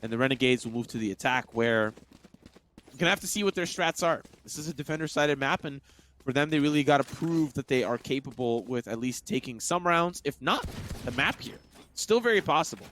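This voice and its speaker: Male esports caster, medium pitch, conversational analytical commentary, slight background noise. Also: expressive, a little fast, a bit bright.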